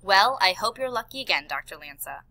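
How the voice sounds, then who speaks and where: Sarcastic smug poacher guy, woman reading it, lively swoopy voice, bright, dry sound. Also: mid-range voice, a little fast, no room sound. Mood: scheming. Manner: sarcastic, amused, smooth-talking. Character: scheming male ivory poacher, sarcastic.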